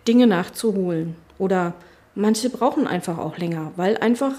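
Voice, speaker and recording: Speaking from her constituency office, a middle-aged politician and spokesperson for family and education gives a casual interview, pausing and restarting often as she searches for words. Her voice is of average pitch for a woman and slightly mellow.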